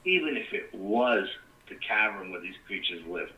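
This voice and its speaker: A man's voice: on the low side, expressive, normal speed, sharp tone, recorded from a distance, poor audio. A middle-aged man, a guest rambling through a story in casual talk with plenty of "you know". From New York.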